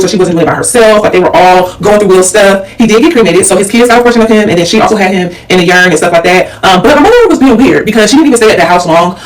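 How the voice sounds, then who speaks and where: A young woman telling a family story in a chatty storytime monologue, with a slight lisp from her retainer. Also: medium pitch. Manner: chatty, addresses listeners as y'all and girl. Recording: voice a bit far from the mic.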